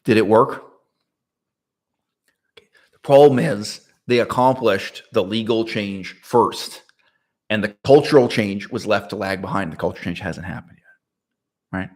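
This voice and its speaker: A man talking through a political topic in a casual monologue, rhetorical and animated, often checking in with "right?" and laughing mid-sentence. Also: fairly low pitch, a little slow, pauses often. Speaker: political commentator.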